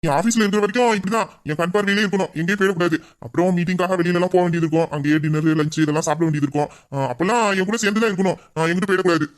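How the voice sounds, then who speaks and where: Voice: mid-range voice, racing, few pauses, natural voice. A performer voicing a teasing young man, a bossy boss and doting suitor, in an audio drama. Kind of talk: Tamil audio drama acting.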